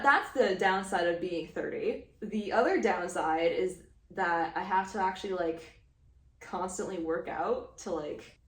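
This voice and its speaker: A woman's voice: lowish voice, echoey room, recorded from a distance. A woman of thirty from Houston, chatting casually in a rambling way, full of fillers and small laughs. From Houston, Texas. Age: 30s. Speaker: crochet vlogger. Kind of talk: casual chat.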